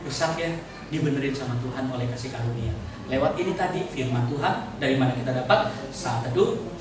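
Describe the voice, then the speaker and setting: A man with an Indonesian accent preaching a lively, joking sermon and calling out to the congregation. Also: medium pitch, brisk, a crowd in the background. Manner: jokey, animated, calls out to the congregation. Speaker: pastor. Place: church hall. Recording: echoey church hall, mic at a distance.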